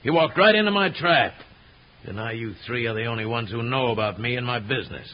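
An actor playing a cold-blooded outlaw in a radio Western, threatening and gloating in an American Western accent. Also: male voice, medium pitch, animated, a little fast, lightly acted. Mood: gloating menace. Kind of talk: 1950s radio Western acting. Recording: dull old radio recording, faint noise.

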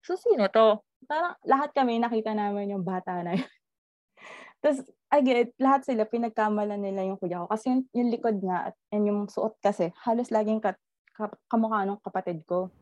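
A woman telling a ghost story in casual chat, animated and laughing often as she tells it. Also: medium pitch, normal speed, no room sound. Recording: slightly dull lo-fi audio.

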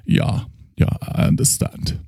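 A man voicing a gentle, solemn psychoanalyst with a slow, soothing, grandiose way of speaking. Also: dry recording, clean studio sound, natural voice. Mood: earnest. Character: gentle, solemn male German psychoanalyst, middle-aged.

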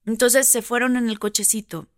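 A woman with a Mexican accent, a podcast guest telling a personal story in casual, animated chat. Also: fairly high pitch, normal speed, no echo, studio quality.

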